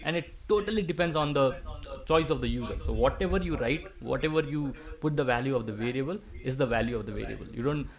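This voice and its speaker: A man's voice: mid-range voice, fast talker, few pauses. A young man teaching a maths class online, explaining patiently and checking in with his students often.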